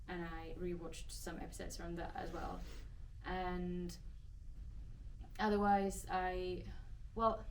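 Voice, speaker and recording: A Finnish actress with a Finnish accent answers casual Q&A questions in a chatty, hesitant way, often restarting her sentences. Her voice is fairly low, and the low-quality recording has a distant mic and a little hiss or hum.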